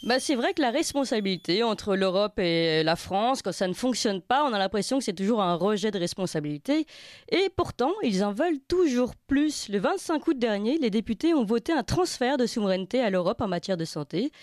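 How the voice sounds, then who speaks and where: A woman's voice: medium pitch, lively intonation, fairly quick, a little mellow, dry recording, studio quality. A woman hosting a radio talk show, introducing a guest and setting up the topic with emphatic stresses on key words. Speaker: radio host. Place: radio studio.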